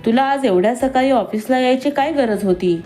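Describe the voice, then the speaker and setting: A woman's voice: medium pitch, a little fast, darkish tone, natural voice. A woman voicing a stern young male office boss who scolds sharply and raises his voice, with faint music behind. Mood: irritated.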